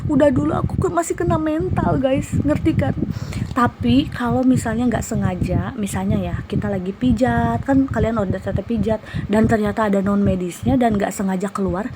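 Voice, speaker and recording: Young woman healer spinning a spooky personal tale for her viewers; animated, higher-pitched, recorded with steady noise. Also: normal speed. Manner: animated, dramatic retelling with whispered asides. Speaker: massage therapist and spiritual healer. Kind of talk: casual storytelling vlog.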